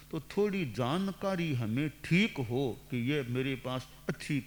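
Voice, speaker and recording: A man in his sixties, a monk giving a measured, didactic sermon into a microphone and repeating phrases for emphasis. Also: a little high. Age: 60s. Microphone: speaking into a microphone.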